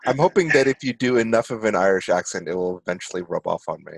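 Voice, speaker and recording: An American man in casual chat, thinking aloud with fillers and pauses. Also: deep voice, lively intonation, vocal fry, noisy background. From United States. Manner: thoughtful, musing with fillers.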